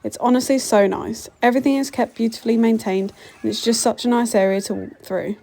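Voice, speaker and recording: A woman's voice: on the high side, fairly even intonation, fairly quick, vocal fry. A woman co-hosting a theme park vlog, presenting casually to viewers. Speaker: vlog co-host. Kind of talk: vlog narration and casual chat. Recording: music and loud crowd behind. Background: music, busy crowd.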